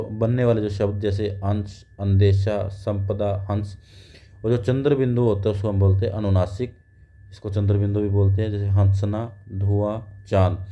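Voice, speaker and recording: A man's voice: fairly low pitch, warm tone. A man giving a grammar lecture, explaining step by step and asking and answering his own questions. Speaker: teacher. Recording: dull lo-fi recording.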